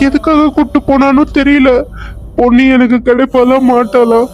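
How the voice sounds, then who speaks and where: A man voicing an anxious young man in a cartoon serial who laments and blames himself. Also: extremely high pitch. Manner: lamenting, breaking off into sighs.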